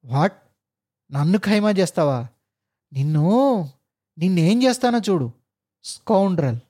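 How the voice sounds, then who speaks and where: A man voicing an arrogant male engineer boss who barks insults and mixes English words into his shouting. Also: a little high, normal speed, lightly acted. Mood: furious. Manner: barking insults, mixing in English.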